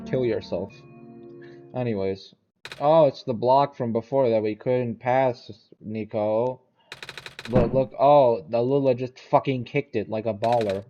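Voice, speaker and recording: A man's voice: mid-range voice, measured pace, warm tone, muffled recording, soft background music. A man doing profane gaming commentary, crude and exasperated, mock-aggressive. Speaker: gameplay commentator.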